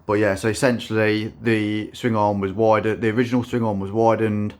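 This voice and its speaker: A man showing his custom motorbike in a casual vlog, speaking in a self-described monotone with many fillers and restarts. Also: lowish voice, a little fast.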